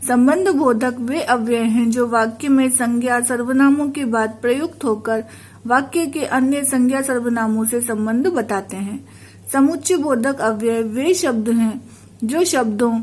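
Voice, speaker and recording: A woman's voice: on the high side, darkish tone. A woman teacher giving a recorded school lesson, explaining carefully and reading out example sentences.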